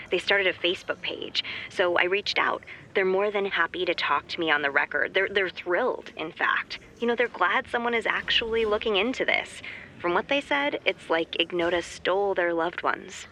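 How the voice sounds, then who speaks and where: A woman's voice: fairly low pitch, pushed and bright, slight background noise, poor audio. A woman playing an eager, chatty amateur investigator in naturalistic audio drama dialogue, emphatic and conversational. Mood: excited.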